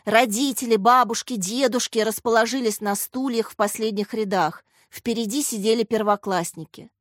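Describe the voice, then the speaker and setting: A woman's voice: on the high side, normal speed, no echo, clean studio sound. A woman reading a story aloud, shifting her voice up for each character's lines. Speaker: audiobook narrator.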